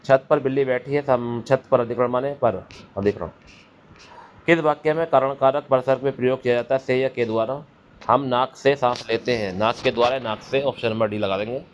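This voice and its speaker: Man, teacher, exam-prep grammar lesson, quizzes himself, repeats key terms, mid-pitched voice. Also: moderate pace. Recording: dull lo-fi recording with faint noise.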